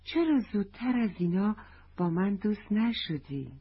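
A woman voicing a curious, eager little girl in a children's story, softly and a bit breathily, on a dull lo-fi recording. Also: mid-range voice, big pitch swings, breathy edge.

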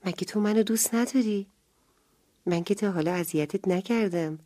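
A woman voicing a sweet, eager little boy in a children's story, pitching her voice up and sounding excited. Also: no room sound, close to an everyday voice. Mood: pleading.

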